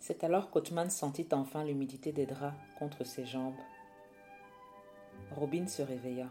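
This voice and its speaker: A woman narrating a dark psychological story in an intense, measured audiobook style. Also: deep voice, steady tone. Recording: loud background music.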